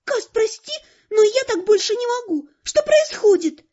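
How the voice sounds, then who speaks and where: A woman's voice: animated, moderate pace, mellow, highs cut off. A woman voicing a pretty, hysterical young air mage who pleads through tears and shrieks in an audiobook. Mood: tearful pleading. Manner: tearful, shrill, pleading. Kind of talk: audiobook character voice.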